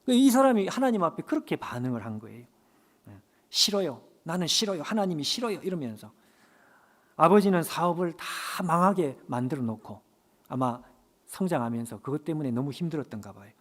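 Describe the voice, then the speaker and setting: A man's voice: fairly high pitch, big pitch swings, a little fast. A man preaching a sermon at a church service. He tells a story with emphasis and speaks directly to the congregation.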